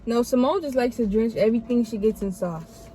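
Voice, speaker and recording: A woman's voice: on the high side, a little fast, mellow, rough recording. A woman co-hosting a casual food vlog in a car, blunt and slangy. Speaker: vlog co-host. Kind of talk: casual mukbang chat. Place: parked car.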